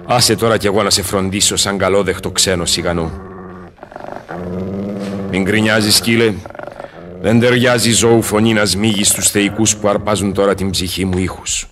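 A man's voice: fairly low pitch, steady tone, background noise, lightly acted. A man playing Faust, a learned, solemn old scholar, declaiming and musing aloud in verse in a Greek radio drama. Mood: gently chiding.

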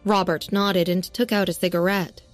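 A woman narrating a serialized audio story in a steady, even reading. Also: fairly low pitch, moderate pace, no room sound, soft background music.

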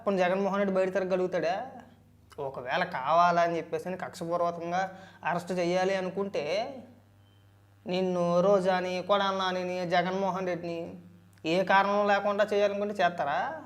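A man giving political commentary, arguing back with rhetorical questions. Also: sits high.

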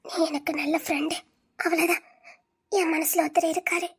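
A woman voicing a tearful, very high-voiced young woman. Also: level tone, normal speed. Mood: firm. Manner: tearful, earnest. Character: young woman refusing a friend's love. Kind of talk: audio drama acting.

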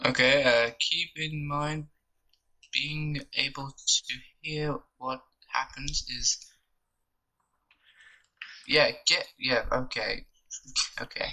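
A man's voice: mid-range voice, steady tone, slow, pauses often, sharp tone. A man gaming with friends, rambling and repeating himself, laughing easily. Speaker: gamer. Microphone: broken headset.

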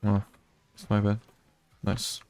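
Here a gaming creator with a Portuguese accent offers relaxed commentary on his own gameplay at a slow pace. The man's voice sits on the low side with a soft, mellow tone, and he stays flat and low-key, almost muttering to himself.

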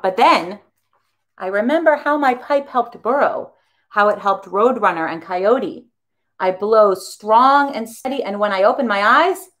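A woman who teaches a children's music class, reading a storybook aloud in an expressive, animated way. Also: mid-range voice.

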